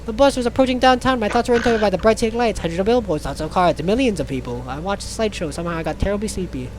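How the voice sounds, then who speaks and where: The group's designated reader tackles the visual novel text for laughs, cursing freely, stumbling through lines and adding jokes. Speaking rapid-fire in a mid-range voice, they're accompanied by background noise and loud music.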